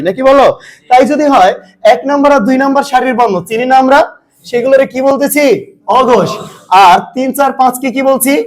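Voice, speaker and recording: A man's voice: extremely high pitch, a little mellow. A man teaching a grammar lesson, asking his students questions and answering them himself.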